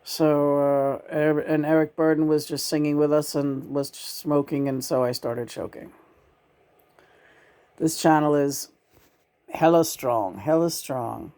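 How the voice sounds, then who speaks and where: A woman from New York City hosting a casual, reflective channeling chat, with halting, deliberate phrasing. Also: low voice, level tone, mellow, clear, resonant tone. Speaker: host and channeler.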